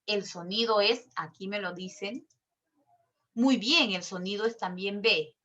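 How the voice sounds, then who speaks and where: A woman's voice: medium pitch, pushed and bright, dull audio. A woman teacher explaining a lesson in an online class, patient and step by step, checking with questions as she goes. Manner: slow and drawn out. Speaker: language teacher.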